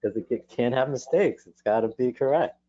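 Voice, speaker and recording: A man's voice: medium pitch, fairly quick, dark tone. A man talking casually as a guest, mostly giving short agreeing replies. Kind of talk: casual chat. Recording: dull lo-fi sound.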